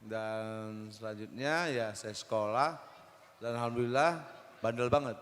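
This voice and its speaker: A man's voice: mid-range voice, unhurried, a bit bright. Male guest, 40s, easygoing and joking, rambles, heard with hall reverb. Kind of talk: casual talk show conversation. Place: mosque hall.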